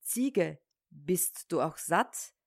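A woman voicing a hot-tempered old tailor in a fairy tale, scolding his sons at a slow pace. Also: on the low side, animated, vocal fry, full character voice. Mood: gentle questioning. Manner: scolding, shouting in rage. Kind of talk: storybook fairy-tale reading.

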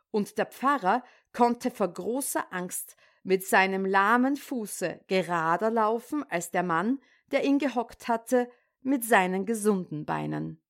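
A woman reading a fairy tale aloud, slowly, with small pitch shifts for the characters. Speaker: storyteller.

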